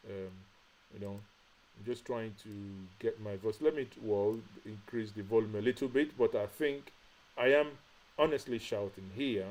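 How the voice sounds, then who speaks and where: On a rough recording, a Nigerian man hosting a live stream delivers fervent commentary, firing off the same rhetorical questions again and again. He strains, complaining he's shouting and has a headache. His voice is lowish and darkish, at normal speed.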